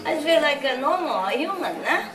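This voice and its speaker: A Vietnamese woman acting as a spiritual teacher gives an informal, chatty talk to followers in a large hall with a live audience, laughing often. Her high voice swings widely in pitch and runs a little fast. The recording is echoey, with a distant mic and crowd noise.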